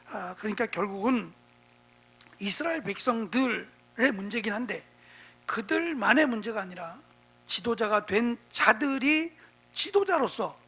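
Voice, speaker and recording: A man's voice: high-pitched, creaky, bright, forceful tone, slightly rough. A male pastor preaching a Bible exposition sermon in a conversational way, often checking in with the congregation through rhetorical prompts.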